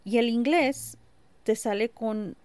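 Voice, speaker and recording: A woman, co-hosting a casual podcast chat and telling stories in a reflective, measured way. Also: on the high side, a little mellow, no room sound. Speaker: podcast co-host. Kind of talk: casual conversation.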